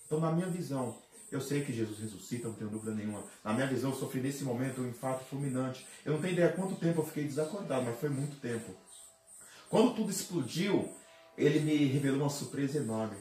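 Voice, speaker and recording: A man's voice: medium pitch, expressive, quick pace, darkish tone. A man's impassioned testimony, distant and roomy. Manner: dramatic, re-enacts his own cries and heartbeat. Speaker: pastor giving testimony. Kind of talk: emotional spoken testimony. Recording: roomy sound from a distant mic.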